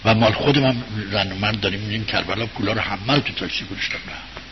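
A man giving an informal religious talk, telling a story to his listeners in a conversational way, rising to loud bursts and sinking to quiet murmurs. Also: lowish voice. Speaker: religious speaker addressing an audience. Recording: dull lo-fi recording with faint hiss.

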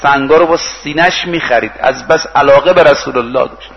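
A man's voice: a little high, in a large hall, lo-fi sound, a little hiss or hum. A male preacher giving a sermon. He retells stories, acts out the speakers' lines and recites Arabic verses. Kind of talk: sermon with storytelling.

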